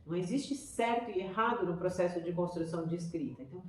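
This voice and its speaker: Chatty teacher in an echoey room. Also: female voice, lowish voice, quick pace, a little mellow, distant mic, a little hiss or hum. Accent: Brazilian Portuguese. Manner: enthusiastic, chatty, acts out children's voices. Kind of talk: explaining to parents.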